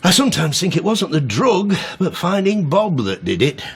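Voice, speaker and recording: In naturalistic radio drama acting, an actor gives a full character voice to a genial, sentimental older father who is a semi-retired family furniture boss. His voice is high, husky and sing-song at a moderate pace, and he talks hesitantly and conversationally in a reflective, sentimental mood.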